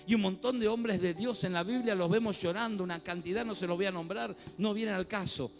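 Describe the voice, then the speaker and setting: High-voiced Rioplatense pastor preaching. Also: male voice, brisk, soft background music. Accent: Rioplatense Spanish. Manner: conversational preaching with rising fervent swells. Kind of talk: sermon. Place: church.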